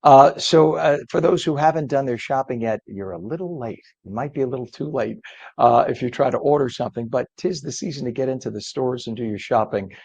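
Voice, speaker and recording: A hoarse man with a croaky frog voice, hosting live news in a chatty, halting way and interviewing a guest. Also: mid-range voice, a little mellow, no room sound. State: hoarse, struggling with voice. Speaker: news host.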